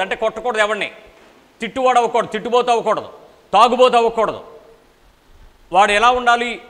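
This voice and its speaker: A man's voice: sits high, a bit bright. A man preaching a sermon with emphasis, firing repeated questions at the congregation. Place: church meeting hall. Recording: long hall reverb.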